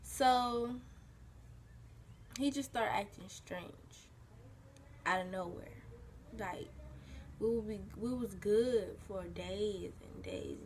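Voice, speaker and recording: A teenage vlogger rambles casually through a personal story, filling it with "like" and "you know." Her medium-pitched voice sounds husky, as if she just woke up, and there's a little hiss or hum in the recording.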